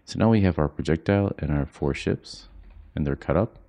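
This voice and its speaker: Speaking softly so as not to wake his sleeping children, a deep, dark-voiced coding teacher talks through a screen-recorded lesson in an even monotone. He moves a little fast, his voice carries vocal fry, and he keeps things casual with plenty of fillers.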